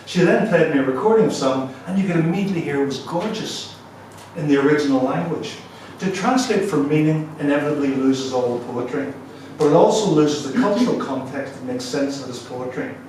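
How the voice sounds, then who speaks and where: A man's voice: fairly high pitch, a little hiss or hum. A man with a Northern Irish accent giving a university guest lecture in a chatty, self-deprecating way, full of ums and restarts. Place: lecture room. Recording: echoey room, mic at a distance.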